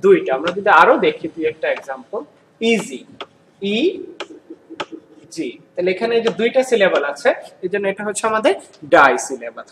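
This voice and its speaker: A man from Bangladesh teaching an English grammar lesson in Bengali. He repeats words slowly and asks the class questions as he goes. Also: high voice, very animated, a bit bright, slight background noise, rough recording.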